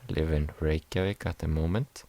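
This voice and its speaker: A man's voice: a bass voice, fairly even intonation, brisk, dark tone, no room sound. A young man from Iceland, hesitantly explaining a class assignment over slides, with many fillers. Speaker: music production student.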